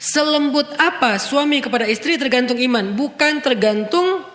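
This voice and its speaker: A man's voice: very high-pitched, normal speed. Man preaching in an echoey hall. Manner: animated, quotes Arabic hadith then explains in casual speech. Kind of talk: Islamic sermon.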